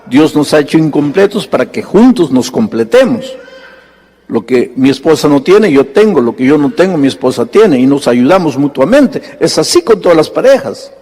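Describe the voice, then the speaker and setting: Preaching pastor, storytelling with vivid voices. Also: male voice, sing-song, moderate pace, mellow. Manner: storytelling preacher, acting out dialogue with sudden high-pitched bursts. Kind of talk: sermon. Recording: long hall reverb.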